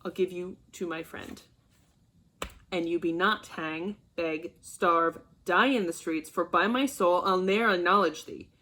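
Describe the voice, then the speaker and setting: A woman's voice: on the low side, measured pace. Woman doing a raging old father. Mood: furious. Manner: shouting, scolding bursts. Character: angry domineering old father, a nobleman.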